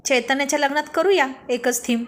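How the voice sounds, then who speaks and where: A woman's voice: high voice, close to an everyday voice. A woman voicing a witty, teasing young man who leads his group of friends, in a storybook reading. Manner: teasing, quick comebacks.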